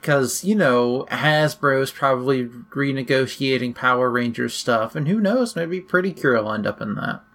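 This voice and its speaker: A woman with a very deep voice for her sex chats casually as a podcast co-host. Her words come out a little muffled, as if around a piece of gauze in her mouth. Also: normal speed, few pauses, fairly bright tone. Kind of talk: casual chat about an anime series.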